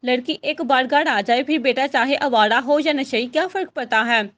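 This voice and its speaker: A woman's voice: sits high, normal speed, fairly bright tone. A woman voicing a witty, teasing young daughter in a storybook reading. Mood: bitter, resigned. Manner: playful, wry.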